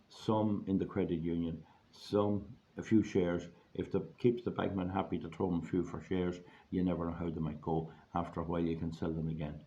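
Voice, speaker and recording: A hoarse Irish man giving an informal, rambling monologue in a plain-spoken, folksy way, repeating phrases for emphasis. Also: low-pitched, dark tone. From Ireland. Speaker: online video host giving money advice. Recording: dull lo-fi audio, faint background noise.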